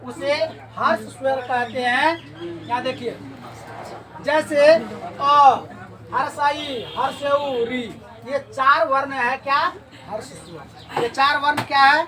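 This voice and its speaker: A woman's voice: high-pitched, steady tone, a little slow, a crowd in the background. A woman teaching Hindi grammar in a classroom lecture, quizzing her students and repeating each answer back to them. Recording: distant mic, class of students audible.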